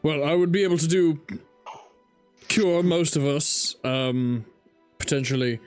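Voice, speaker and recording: A man playing a tabletop role-playing game, improvising dialogue in a measured, hesitant and fairly formal way. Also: fairly high pitch, a little mellow, clean tone, faint music behind.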